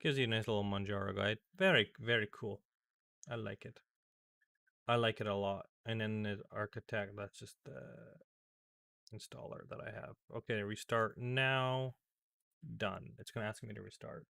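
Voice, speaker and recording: A man talks casually over a screen recording, rambling and restarting his sentences with lots of fillers. His low voice has a gravelly edge but comes through smooth and clear, recorded dry and close on a desk mic. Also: steady tone, moderate pace, a bit bright, no room sound. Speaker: tech vlogger.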